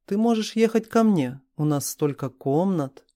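A man's voice: sits high, animated, a little slow, warm tone, no room sound, clean studio sound. Feisty young wife, read by a man. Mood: indignant. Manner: indignant, raised voice. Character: feisty tipsy young wife, sharp-tongued.

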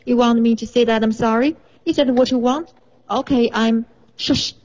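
Calm woman reading a film scene. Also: a little high, moderate pace, dull audio. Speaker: student reader.

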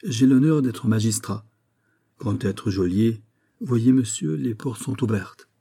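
A man voicing a witty, dignified male magistrate with a taste for fine food, speaking with unruffled calm. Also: mid-range voice, unhurried, vocal fry, slightly rough. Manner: tranquil, dignified.

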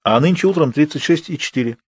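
Meek squeaky nurse woman, timid, put on by a husky male reader, audiobook. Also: lively intonation, fast, no echo. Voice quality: squeaky, mumbling.

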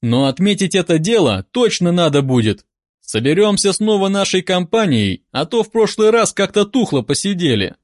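A man voicing a loud, hearty, slightly envious middle-aged neurologist in an audiobook. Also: sing-song, normal speed, dry recording, clean studio sound. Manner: booming, hearty, drawling.

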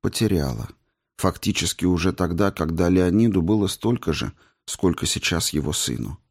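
A man voicing a sad, mysterious grandmother who speaks softly and wearily. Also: deep voice, lively intonation, normal speed, slightly rough, heavily acted. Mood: sorrowful. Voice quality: hushed, rustling. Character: sad, mysterious grandmother, soft-spoken, weary.

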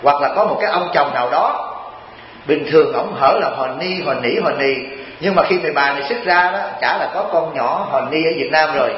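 A man from Vietnam giving a lively Buddhist dharma talk, joking with his listeners and often asking them rhetorical questions. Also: a little high, brisk. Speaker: Buddhist monk. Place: temple hall. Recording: roomy temple hall, dull lo-fi, faint hiss.

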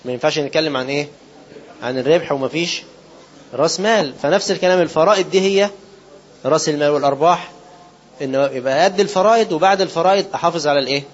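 A man with an Egyptian accent giving a sermon in fast colloquial speech, asking rhetorical questions and slowing down to quote scripture. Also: a little high. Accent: Egyptian Arabic. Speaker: preacher. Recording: dull lo-fi recording.

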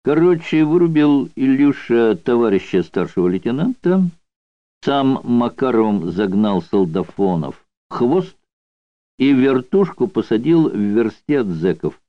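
A man's voice: medium pitch, big pitch swings, a little slow, no echo. A man doing a slangy old convict spinning a yarn. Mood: mocking. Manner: coarse barracks slang, mocking yarn-spinning. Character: chatty old convict storyteller, unhurried and slangy. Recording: dull dry studio recording.

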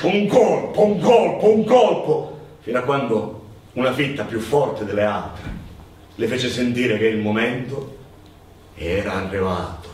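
A male actor and stage storyteller performs a theatrical narrative monologue in an animated, mid-range voice with a darkish tone. He is dramatic, building insistent repetitions into drawn-out, chanted cries. The mic is distant, the space very echoey, and the ambience noisy.

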